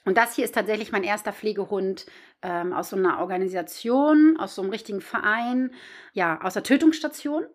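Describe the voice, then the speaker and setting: A woman hosts a casual podcast from home, her voice sitting in a middle pitch. She talks freely and laughs often. Her sentences trail off and restart as she searches for words. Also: a little fast. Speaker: podcast host, dog trainer. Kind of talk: casual chat. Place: indoors at home with dogs nearby.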